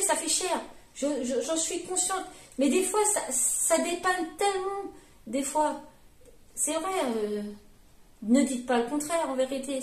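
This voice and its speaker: A woman's voice: high voice, darkish tone. A woman in her forties chatting casually in a vlog, rambling along with lots of fillers and self-corrections. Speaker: vlogger, mother. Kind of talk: casual grocery haul chat. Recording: echoey room.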